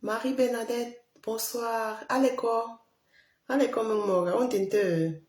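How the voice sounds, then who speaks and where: A woman's voice: a little high, fairly even intonation, unhurried, darkish tone, roomy sound. A woman hosting a casual live stream, chatting and putting questions to viewers. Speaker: livestream host. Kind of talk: casual live commentary, reading viewer comments.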